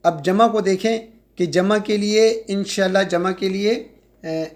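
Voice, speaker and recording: High-voiced man teaching grammar. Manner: slow, drawn-out repetition of example words; checks in with "ٹھیک ہے؟". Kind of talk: recorded grammar lecture.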